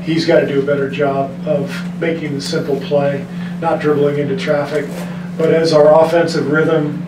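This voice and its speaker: A middle-aged man, a basketball coach, speaking at a press table in a measured, frank way with frequent restarts. His voice sits a touch high for a man and stays narrow in its range. It's caught from a distance in an echoey room with steady background noise. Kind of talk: post-game press conference answers. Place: press room in front of a team backdrop. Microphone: desk mic on a stand, recorded from the room.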